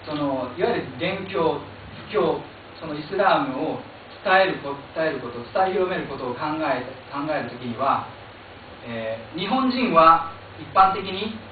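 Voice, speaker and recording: Middle-aged male moderator with a Japanese accent, halting delivery, on a distant phone-like recording. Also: fairly high pitch. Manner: halting, many fillers and restarts in English. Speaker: panel moderator. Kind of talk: bilingual panel moderation. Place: small meeting room indoors. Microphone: stand mic, filmed from far camera. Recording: echoey, distant, phone-like hiss.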